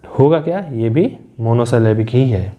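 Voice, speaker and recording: A man's voice: mid-range voice, expressive, a little slow, phone-quality sound. A man teaching an English lesson, explaining step by step and answering his own questions. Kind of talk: classroom lesson explaining syllable patterns.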